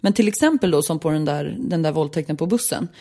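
Mid-pitched speaker with a creaky voice. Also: expressive, mellow. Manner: conversational, many agreeing murmurs. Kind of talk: casual chat.

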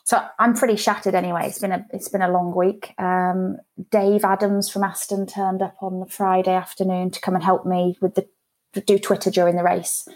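A woman's voice: lowish voice, little pitch movement, moderate pace, a little mellow. A woman in her thirties, a guest talking candidly and chattily about running her own PR business, often restarting her sentences. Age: 30s. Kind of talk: casual interview conversation.

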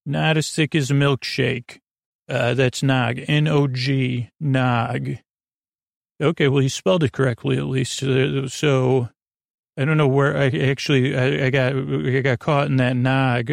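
Clean studio sound with no room ambience carries a man's medium-pitched, creaky and gravelly voice. Hosting a bedtime podcast, he rambles haltingly and keeps veering off on tangents.

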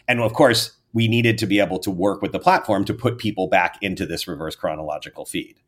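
Researcher guest, man, lowish voice, measured explainer. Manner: measured, academic, trails off at sentence ends. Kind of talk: explanatory interview answer.

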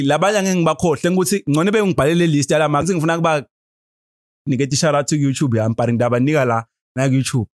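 A young man with a Swazi accent chatting casually on a podcast in an animated, repetitive, slangy way, switching between languages. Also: fairly high pitch. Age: young adult. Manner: animated, repetitive, peppers talk with "bro".

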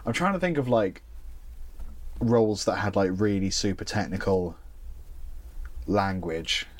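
A man hosting a casual podcast, trading quick quips and laughing often. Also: sits low. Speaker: podcast host.

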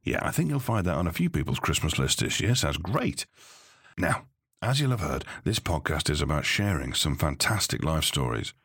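A man from the United Kingdom, a podcast host, reading a scripted outro in a measured way. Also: rumbling low, big pitch swings, a bit bright, husky, dry recording, clean studio sound. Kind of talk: scripted narration.

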